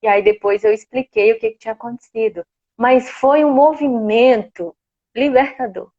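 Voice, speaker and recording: A woman with a Brazilian Portuguese accent, appearing as a guest, tells a personal story in a heartfelt, emotional way and laughs now and then. Her voice is fairly high and darkish in tone, at a normal speed, and the recording sounds muffled.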